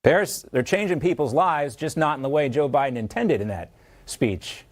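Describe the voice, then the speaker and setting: A man hosting a TV news segment, brisk and chatty as he moves between guests. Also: fairly high pitch, animated. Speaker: news anchor.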